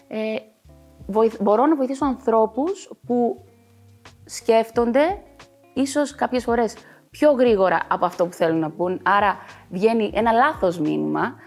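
A woman's voice: medium pitch, faint music behind. A woman working as a voice coach, explaining her work in a TV talk show interview with many fillers.

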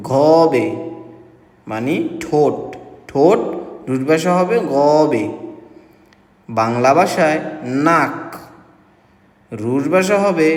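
Slow, deliberate man in an echoey room. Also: fairly high pitch. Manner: repeats each word slowly and deliberately. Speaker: language teacher. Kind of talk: slow vocabulary lesson. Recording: echoey room with long reverb.

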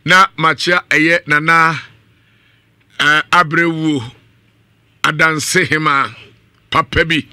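A middle-aged Ghanaian man hosts a live radio talk show, ad-libbing sponsor reads close to a studio condenser mic on a boom arm. His voice is on the high side, pushed, bright, and smooth, with fairly even intonation. He speaks slowly, pausing often, with no echo.

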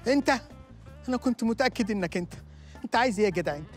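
A man's voice: sits high, lively intonation, racing, soft background music. An actor playing a sick man who insults and then panics, with an Egyptian accent. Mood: irritated. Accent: Egyptian Arabic. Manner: insulting, dramatic.

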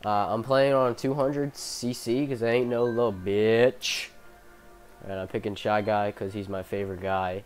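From his bedroom on a headphone mic, a young man who's ill and coughing gives loose, foul-mouthed, self-deprecating commentary over a racing game. His voice is fairly low and steady, unhurried, with faint music in the background.

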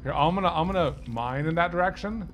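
This is a man chatting through a video game session on stream. He gets excitable fast, tripping over his words and repeating himself, and his pitch swings widely. Game music plays clearly behind him. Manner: excitable, quick exclamations and stammered repeats. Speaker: gaming channel co-host. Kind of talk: casual let's-play chat.

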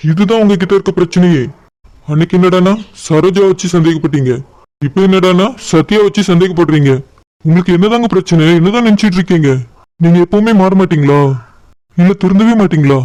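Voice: mid-range voice, brisk, mellow, natural voice. Someone voicing a pleading cartoon husband. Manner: pleading, reasoning, a little sarcastic. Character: patient married young husband defending himself. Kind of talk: cartoon voice acting.

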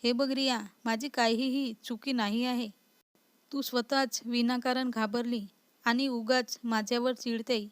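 A woman's voice: on the high side, level tone, unhurried, clean tone, no room sound, natural voice. A woman voicing a playful young husband who teases his wife in a storybook reading. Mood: teasing. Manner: teasing, lightly mocking.

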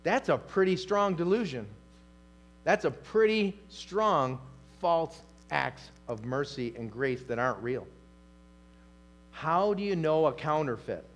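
A man's voice: a little high, animated, slow pace, soft background music. A male pastor preaching a sermon in a church, emphatic and repetitive, asking the congregation questions. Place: church sanctuary.

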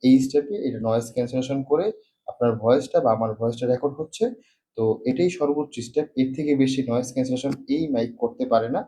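A man's voice: medium pitch, mellow. A man demonstrating a product indoors, explaining step by step while his voice passes through noise-cancelling processing that leaves noise reduction artifacts. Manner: explains step by step with fast, repetitive phrasing. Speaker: tech reviewer. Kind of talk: product demo.

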